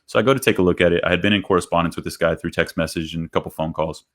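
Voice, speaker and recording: Man, very deep voice, podcast co-host, casual rambling storytelling, lots of fillers, video call. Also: rapid-fire. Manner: relaxed and rambling, with many fillers.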